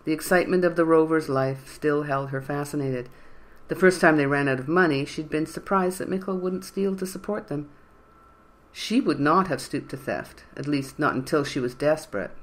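An audiobook narrator with a mid-range voice reads a fantasy novel aloud as scripted narration, in an even, measured storytelling style.

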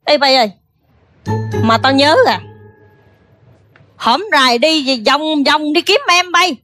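A woman's voice: high-pitched, slow pace, a bit bright, no echo. A woman playing a worried elderly country mother with a Southern Vietnamese accent, in cải lương stage acting with fretful, pleading speech. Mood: tender. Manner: fretful, pleading, bursts into wailing cries. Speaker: contestant performer. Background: music.

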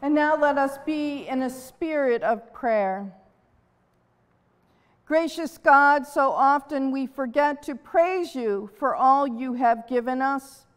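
A woman leading prayer and reading scripture at a church pulpit, steady and earnest, from a distant camera. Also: sits high, slow pace. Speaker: worship leader. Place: church sanctuary. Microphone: far camera at pulpit. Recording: reverberant church from afar.

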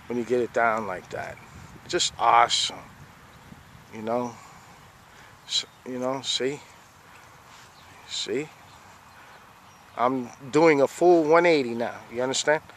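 Standing outdoors beside a fenced yard, a man films the sky on a handheld phone and rambles, repeatedly saying "see?" as he points things out. His voice is mid-range and a bit bright, with slight background noise.

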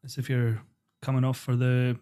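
A young man, a podcast guest chatting casually and telling stories in a calm, unhurried way. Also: mid-range voice, clean tone. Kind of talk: casual chat.

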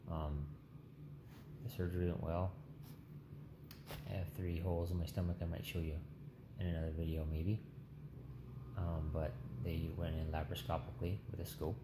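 Speaking to a phone at arm's length from a small hospital bed, this patient vlogger in his thirties gives a casual, faltering recovery update after surgery. His low voice has a flat delivery and sounds weak, subdued and tired, with a sore throat. The phone captures a lot of room echo and noise.

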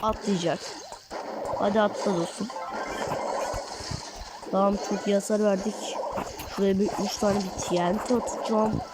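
A woman giving casual gameplay commentary, getting excitable and cursing at her teammates. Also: mid-range voice, moderate pace, long pauses, heavy background noise. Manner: excitable, rants and curses at teammates. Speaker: gaming channel host.

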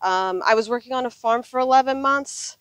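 A woman's voice: sits high, a little fast, a bit bright, smooth, dry recording. Earnest woman, dry close sound. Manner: earnest, reflective, conversational. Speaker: interview guest, full-time RV traveler. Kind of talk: casual interview. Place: outdoors on open desert gravel lot. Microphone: clip-on lapel mic.

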